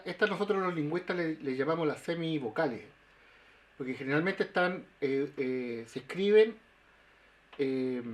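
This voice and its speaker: A man, a linguist explaining pronunciation in a webinar, with halting speech full of fillers and restarts. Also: fairly high pitch. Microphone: video call.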